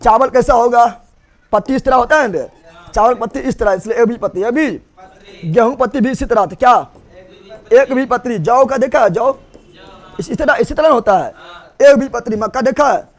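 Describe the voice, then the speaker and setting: A male teacher, giving a lesson that quickly quizzes the class and keeps repeating the key terms. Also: very high-pitched. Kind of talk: classroom-style online lesson.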